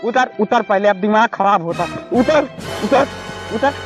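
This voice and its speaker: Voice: mid-range voice, unhurried, over music, close to an everyday voice. A performer with an Awadhi accent playing an exasperated, bossy and wheedling village mango thief in an amateur comedy sketch, repeating commands insistently. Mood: angry, pleading. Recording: muffled lo-fi audio with faint noise.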